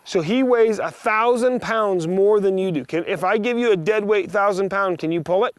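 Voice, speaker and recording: High-pitched male riding instructor calling brisk commands. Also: clean tone, no echo. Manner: short directives mixed with plain practical explanation. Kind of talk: hands-on riding lesson, instructing a student.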